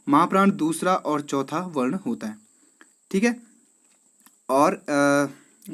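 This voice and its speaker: A man's voice: fairly high pitch, a bit bright. A man with an Uttarakhand Hindi accent, teaching as he walks through exam quiz questions one by one. He calls the viewers friends and keeps checking in with them. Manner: addresses viewers as friends, repeats "theek hai".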